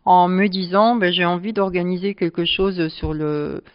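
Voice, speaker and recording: A woman's voice: fairly low pitch, fairly even intonation, moderate pace, dry recording. Hesitant woman explaining her charity work. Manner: explanatory, speaks at length with frequent hesitations. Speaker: charity club president. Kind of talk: interview answers. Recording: dull lo-fi sound.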